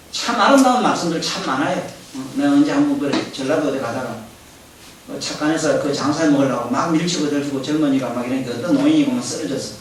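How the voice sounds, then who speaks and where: A man with a giving a Buddhist sermon, animated and full of rhetorical questions put straight to his listeners. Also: a little high. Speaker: Buddhist dharma teacher. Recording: very echoey, distant mic, faint hiss.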